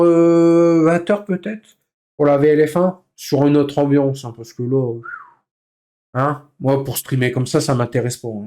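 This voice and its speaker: A male streamer in loose, casual live chat. He vents in an exasperated way and swears freely, with a voice pitched a little higher than most men's. He reacts to viewer comments and slips into bursts of nervous laughter. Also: dark tone. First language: French. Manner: exasperated venting, heavy swearing.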